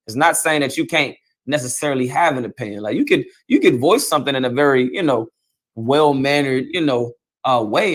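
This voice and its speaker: A man preaching a colloquial sermon, repeating himself and asking "you understand?" again and again, sometimes rising to loud emphatic bursts. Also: medium pitch. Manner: repetitive, asks "you understand?" often. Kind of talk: street sermon.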